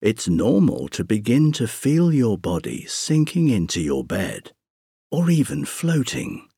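A man slowly guiding a sleep meditation, counting breaths in a soothing, drawn-out way with long pauses. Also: medium pitch, very animated, gravelly, warm tone, husky, no echo, studio quality. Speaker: meditation guide.

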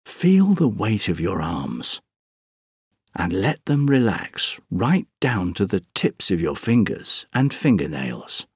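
A man narrating a scripted guided sleep meditation, speaking softly and breathily in a soothing, gentle, unhurried way with long pauses. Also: low-pitched, big pitch swings, slightly rough, dry recording, studio quality.

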